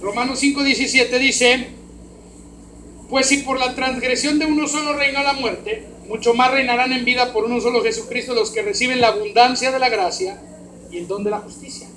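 Mexican pastor preaching in an echoey hall. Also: male voice, extremely high pitch, steady tone, normal speed. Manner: swings from hushed to loud, emphatic preaching. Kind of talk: sermon. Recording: roomy hall echo, faint background noise.

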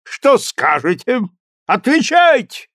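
A man's voice: sits high, wildly swooping pitch, slow, no echo, clean studio sound, pitched above the performer's own voice, heavily acted. A man doing a wheezing, bellowing old duke. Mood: blustering. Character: blustering old male duke, gruff and domineering.

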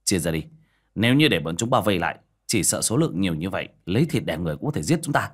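A man's voice: low voice, very animated, fast. A man voicing a shrewd, grim young male cultivator who gives short, urgent commands.

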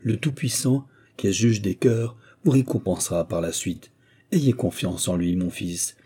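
A man reading the lines of a frail, pious elderly father in an audiobook, speaking gravely and gently. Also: fairly low pitch, a little slow. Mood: weak, consoling.

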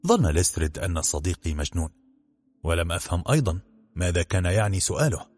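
Deep, husky man narrating a story. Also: animated, fast, a little mellow. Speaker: audiobook narrator.

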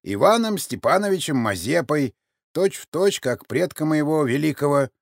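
A man's voice: on the high side, big pitch swings, moderate pace, creaky, no room sound, studio quality, voice pushed up. A man reading an audiobook, voicing a proud, easily offended old man who is a war veteran. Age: older. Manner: indignant, haughty. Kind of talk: audiobook character voice.

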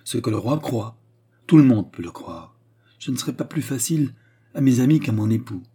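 A man's voice: medium pitch, expressive, normal speed, warm tone, breathy edge. A man voicing a proud, wounded queen in an audiobook reading of a novel, speaking with bitter reproach. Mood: proud, angry.

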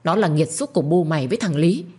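A woman voicing a violent older lord in an audio story, hissing and ranting loud threats. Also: on the low side, sing-song, fairly quick, husky, heavily acted. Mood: enraged. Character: older male lord, violent, enraged, ruthless.

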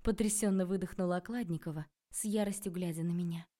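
A woman narrating a novel in the first person, expressive and ironic. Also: on the low side, fast talker. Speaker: audiobook narrator.

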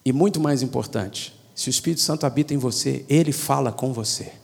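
A man with a Brazilian Portuguese accent preaching a sermon, emphatic and rhetorical, moving between loud declarations and hushed asides. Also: mid-range voice, fairly quick, creaky. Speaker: pastor. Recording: long hall reverb.

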